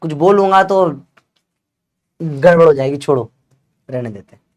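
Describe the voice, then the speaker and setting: A young man, teaching a live online physics class and teasing and coaxing students to answer fast. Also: fairly high pitch, expressive.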